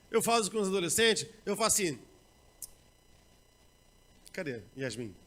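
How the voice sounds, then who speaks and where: This Brazilian preacher moves at a fairly quick clip, alternating between loud outbursts and quiet murmurs. He slips into conversational asides where he performs everyday quotes.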